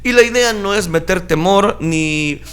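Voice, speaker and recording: A male preacher giving a sermon, retelling scripture dramatically and switching between calm explanation and loud acted outbursts. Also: high voice, unhurried, clean tone. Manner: dramatic, shouts acted crowd lines.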